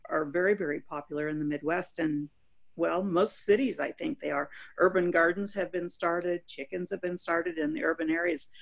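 An older woman speaks as a farmer on a webinar panel, earnest and unhurried, often restarting her sentences. Her voice is lowish and gravelly. She talks into a laptop webcam on a video call from home. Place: home room by a bright window.

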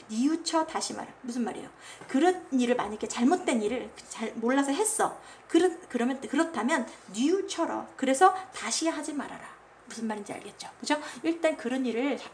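A woman's voice: fairly high pitch, darkish tone, a little hiss or hum. A woman teacher explaining a classical poem in a chatty lecture. She keeps checking that her listeners follow and acts out the poem's commands in a scolding voice. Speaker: Korean literature teacher.

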